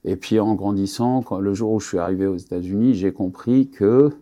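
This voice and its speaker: A man in his sixties, born in Algeria and raised in France, a painter talking about his life in a radio interview, unhurried and full of hesitations. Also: fairly low pitch, mellow. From born in Algeria, grew up in France.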